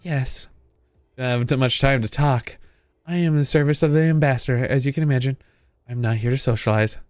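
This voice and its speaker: A man voicing a soft, serene, politely curt young priestess envoy in a video game. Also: medium pitch, brisk, no echo, clean studio sound, natural voice. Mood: polite, reserved. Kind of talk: role-play reading of game dialogue.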